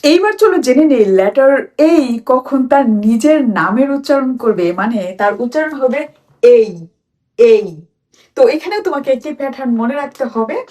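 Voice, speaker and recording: A woman with a Bangladeshi Bengali accent teaches a children's phonics lesson. Her voice sits fairly high, and she repeats each sound slowly so the children can copy it. She is a little far from the mic. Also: expressive, warm tone.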